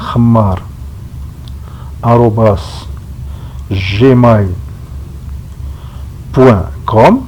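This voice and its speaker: A man giving a step-by-step software tutorial, checking in with his viewers as he goes. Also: medium pitch, slight background noise, low-quality recording. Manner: slow, step-by-step, checks in with "d'accord?". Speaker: instructor. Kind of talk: screen-recorded software tutorial.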